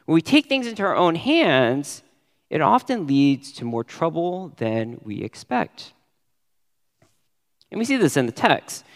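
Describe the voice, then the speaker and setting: A man preaching a sermon as pastor, stressing key words with sudden rises in pitch. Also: big pitch swings, unhurried, in a large hall.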